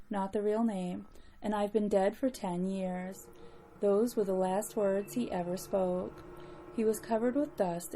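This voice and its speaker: A woman narrating a scripted spooky story as a horror host, in a measured, deliberate storytelling manner. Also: medium pitch, dark tone, a little hiss or hum.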